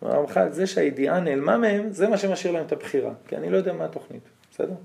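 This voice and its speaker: Animated man teaching a religious lesson. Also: a little high, creaky. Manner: animated, questioning listeners. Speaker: rabbi.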